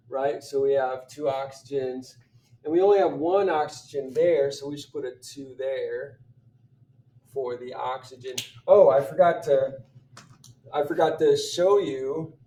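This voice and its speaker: Throat-clearing man teaching chemistry, mic distant. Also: mid-range voice, dark tone. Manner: clears throat often, thinks aloud with restarts. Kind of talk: explaining practice problems.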